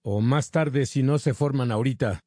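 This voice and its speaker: Osco: a man as a gruff, indifferent ticket clerk. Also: mid-range voice, moderate pace, dark tone, dry recording, clean studio sound, natural voice. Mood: offhand. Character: adult male bus clerk, gruff and indifferent.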